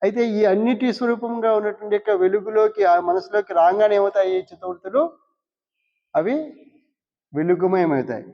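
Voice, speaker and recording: A man's voice: sits high, steady tone, moderate pace. A man giving a spiritual discourse. He asks the listeners questions and answers them himself, repeating key words. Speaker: spiritual teacher. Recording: dull, lo-fi recording in a long-reverb hall.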